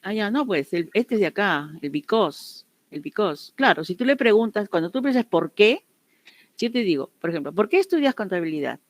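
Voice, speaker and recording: A woman's voice: mid-range voice, big pitch swings, normal speed, no room sound. A woman teaches English in a dry, close recording with no room sound. Her voice sits in a middle register, and her delivery is patient and repetitive. She checks in with her class often. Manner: patient, repeats examples and keeps checking understanding. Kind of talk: online class explanation.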